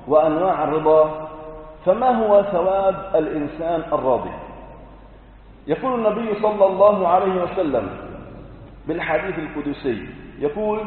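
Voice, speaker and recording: A male preacher delivers a sermon in a high voice. He explains points in colloquial asides and asks rhetorical questions. The sound is thin and phone-like, with long reverb from a large hall. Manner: chants Quran verses slowly. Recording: echoey hall over a tinny lo-fi line.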